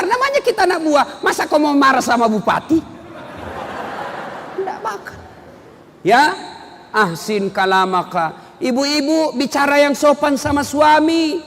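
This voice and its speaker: A man with a Makassar accent giving a humorous sermon, lively and acting out little dialogues with different voices. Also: very high-pitched. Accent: Makassar Indonesian. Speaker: preacher and university lecturer. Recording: hall reverb, faint noise.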